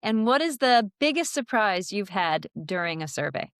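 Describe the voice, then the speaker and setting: Friendly woman co-host with a smooth voice. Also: mid-range voice, very animated, normal speed, fairly bright tone, no echo, clean studio sound. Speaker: podcast co-host. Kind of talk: podcast interview.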